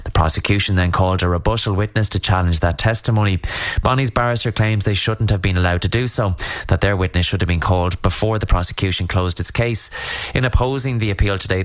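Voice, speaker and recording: Deep-voiced Irish male news correspondent. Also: dry recording. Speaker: courts correspondent. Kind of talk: scripted news report.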